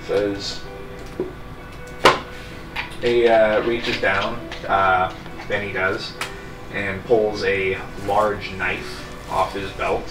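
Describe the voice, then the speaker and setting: A man working as game master, improvising casual, halting narration for a tabletop game. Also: low voice, flat delivery. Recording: roomy, distant mic, music underneath.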